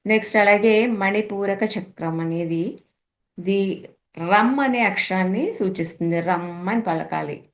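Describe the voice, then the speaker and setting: A woman's voice: medium pitch, measured pace. A woman teacher patiently explaining meditation practice step by step, mixing English words into her talk. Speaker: spiritual teacher. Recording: echoey room.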